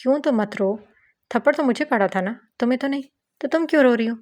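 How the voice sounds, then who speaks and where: A woman's voice: fairly high pitch, fast talker, darkish tone, voice pushed up, natural voice. Teasing young husband, playful banter, audiobook novel reading, voiced by a woman narrator.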